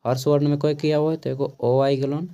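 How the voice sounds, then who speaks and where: Man, Khortha-inflected Hindi accent, mellow tone, exam-prep teacher, patient repeated explanations. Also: fairly high pitch, little pitch movement, smooth, highs cut off. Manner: explains slowly, repeats and checks with "ठीक है".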